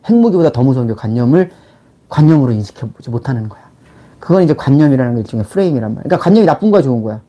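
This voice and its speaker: A man's voice: medium pitch, animated, rapid-fire, lo-fi sound. A middle-aged man giving a casual lecture in blunt informal speech, firing rhetorical questions at his listener. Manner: acts out little quoted exchanges mid-talk. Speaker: channel host, life and money mentor.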